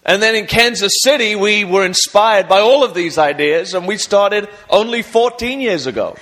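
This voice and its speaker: At a church service, an English guest preacher with a high-sitting, fairly bright voice talks at normal speed and in an animated way. His German comes out hesitant and packed with fillers before he moves to English so an interpreter can relay the sermon. Once in English, he lifts into a raised, emphatic preaching tone.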